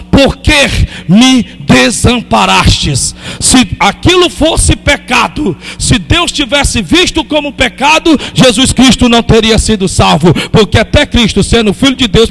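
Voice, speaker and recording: A man preaching an impassioned sermon as pastor, fervent and rising to loud exclamations. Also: extremely high pitch, vocal fry.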